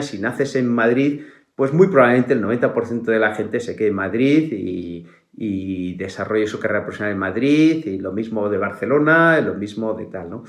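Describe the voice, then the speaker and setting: A middle-aged man from Spain with a Spanish accent, a podcast guest in casual conversation who talks haltingly with many restarts and filler tags. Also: mid-range voice. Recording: roomy echo.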